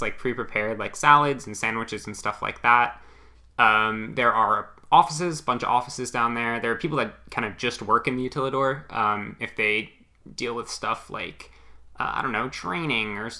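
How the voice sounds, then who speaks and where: A man's voice: medium pitch, bright, forceful tone. A young man co-hosting a casual chat show, rambling along with dry jokes. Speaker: podcast co-host, former theme park worker.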